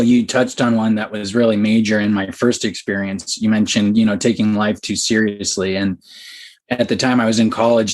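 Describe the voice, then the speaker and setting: Excited man telling a story. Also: fairly low pitch. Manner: excited, animated storytelling with many fillers. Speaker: podcast guest. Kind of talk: casual storytelling.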